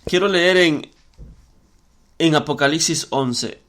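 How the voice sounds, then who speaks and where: A man's voice: fairly high pitch, slow, fairly bright tone. A man preaching a podcast sermon, explaining scripture with frequent restarts and repeated words.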